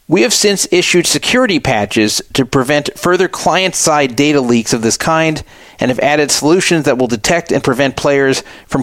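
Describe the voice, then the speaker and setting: On his radio show, a medium-pitched male host reads a statement aloud and walks through its meaning conversationally. There's no echo on his voice.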